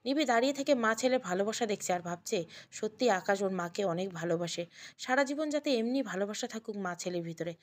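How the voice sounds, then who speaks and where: A woman's voice: mid-range voice, animated, fast talker. Woman narrating a family audio story.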